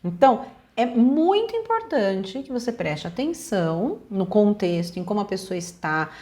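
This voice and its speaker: A woman's voice: mid-range voice, sing-song, normal speed, darkish tone. A woman psychologist with a Brazilian accent giving relationship advice in a direct, emphatic way, speaking straight to viewers. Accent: Brazilian Portuguese.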